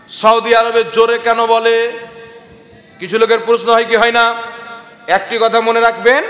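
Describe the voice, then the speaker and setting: Male preacher, West Bengal Bengali accent, emphatic and exhorting, very high pitch, roomy echo. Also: sharp tone. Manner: exhorting, calls on the crowd to respond; rhetorical questions, emphatic. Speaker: Islamic preacher. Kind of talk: sermon.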